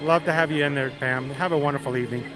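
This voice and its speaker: A middle-aged man from South Georgia with a deep Southern accent, chatting casually and folksily as he hosts a livestream. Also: steady tone, fast, poor audio. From South Georgia, United States. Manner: chatty, folksy, greets viewers by name. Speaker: livestream host. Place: outdoors in a busy theme park.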